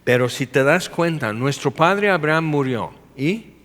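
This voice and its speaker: A man with a Mexican Spanish accent preaching a conversational sermon, chatty, full of quick asides and acted-out quotes. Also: on the high side, lively intonation, a bit bright. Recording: long hall reverb.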